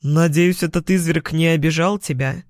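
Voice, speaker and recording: A woman's voice: deep voice, steady tone, normal speed, a little mellow, no room sound, clean studio sound, natural voice. A woman voicing a middle-aged father who pretends to be stern and frowning, in a storybook reading. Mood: mock-stern. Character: teasing gruff father, middle-aged man.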